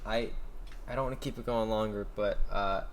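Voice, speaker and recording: A man's voice: on the low side, fairly even intonation, moderate pace, a little hiss or hum. A man co-hosting a casual podcast, playful and jokey, chiming in with quips. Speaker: podcast co-host. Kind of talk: casual chat.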